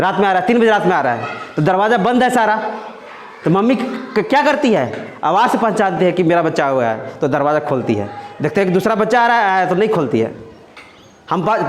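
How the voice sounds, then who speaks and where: With a high voice and a little hiss or hum on the recording, a man teaches a science class in an echoey room. He talks with his students conversationally, repeats himself, and often checks in with "है ना?".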